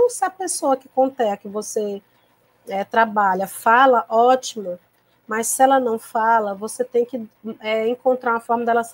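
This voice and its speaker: Calm, higher-pitched woman teacher. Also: no room sound. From Piauí, Brazil. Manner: calm, patient explaining with frequent checking tags. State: tickly throat, needing to cough. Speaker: teacher giving a lecture. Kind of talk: recorded online lecture to teachers.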